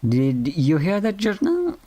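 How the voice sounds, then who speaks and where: A man's voice: sits high, wildly swooping pitch, unhurried, warm tone, voice pushed up, full character voice. A man voicing an anxious young male detective in a mystery game, reading his lines in a shaken, insistent way. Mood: tense.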